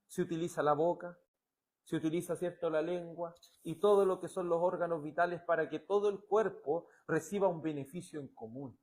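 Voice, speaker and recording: A man preaching a sermon, asking his listeners questions and swinging from loud declarations to hushed passages. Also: sits high. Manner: asks the congregation rhetorical questions. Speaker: pastor.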